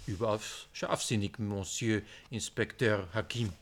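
A man's voice: fairly low pitch, a little slow. A man voicing a grumpy, dry 83-year-old man while reading his book aloud. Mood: sarcastic. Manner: dry, curt replies.

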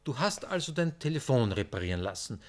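A man's voice: medium pitch, brisk, natural voice. A man voicing a cheerful, teasing old man while reading his book aloud. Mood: needling. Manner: lively, raised and teasing.

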